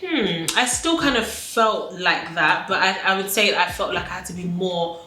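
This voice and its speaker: A woman's voice: on the low side, moderate pace, sharp tone. Reflective young woman, echoey room. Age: 20s. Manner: reflective, casual, many fillers. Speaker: interviewee. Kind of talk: documentary interview. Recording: echoey room with faint noise.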